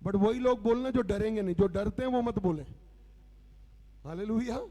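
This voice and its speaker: A man's voice: high voice, moderate pace, warm tone. A man preaching a fervent church sermon as pastor, calling out to the congregation and chanting refrains with them. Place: church service.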